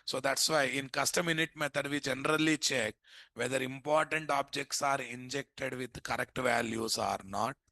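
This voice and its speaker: A man's voice: medium pitch, steady tone, normal speed, sharp tone, no echo. A man with an Indian accent lecturing to students as an instructor, prompting them with repeated questions that he often answers himself. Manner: prompting, repetitive, asks and answers his own questions. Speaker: programming instructor.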